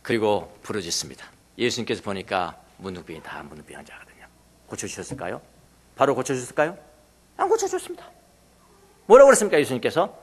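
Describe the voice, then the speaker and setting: A man preaching a sermon as pastor, acting out quoted lines and swinging between loud bursts and hushed asides. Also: on the low side, wildly swooping pitch, fast talker, husky.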